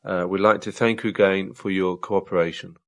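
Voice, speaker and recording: A man reading scripted public announcements in a measured, formal way, with a few small hesitations. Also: sits low, level tone, dry recording. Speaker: announcer in a listening exercise.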